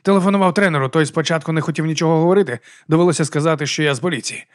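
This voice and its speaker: A man voicing an eager young police assistant reporting briskly in an audiobook. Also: fairly high pitch, no echo, clean studio sound, voice pushed up, natural voice.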